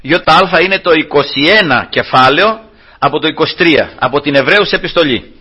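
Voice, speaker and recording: Male preacher, high and husky, sermon storytelling with rhetorical questions. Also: pushed and bright. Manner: addresses listeners as brothers, rhetorical questions, voices characters in quotes. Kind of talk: sermon retelling a Bible story.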